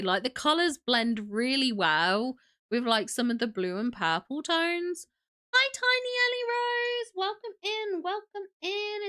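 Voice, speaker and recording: A woman's voice: a little high, bright, forceful tone. A young woman hosting a casual livestream, sniffly from a cold, gushing and chatty as she greets viewers. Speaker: livestream host.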